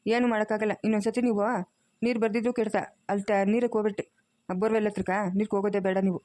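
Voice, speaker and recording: A woman's voice: mid-range voice, level tone, rapid-fire, dark tone, no room sound, lightly acted. A woman voicing a practical young son-in-law who coaxes and reasons with his mother-in-law in a cartoon story. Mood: coaxing. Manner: reasoning, coaxing. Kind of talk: cartoon voice acting.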